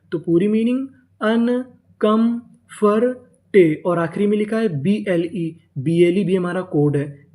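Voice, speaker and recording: A man teaching a class, asking a question and then answering it himself, and repeating each word slowly several times. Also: high-pitched, dark tone. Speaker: English teacher. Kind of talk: classroom-style spoken lesson.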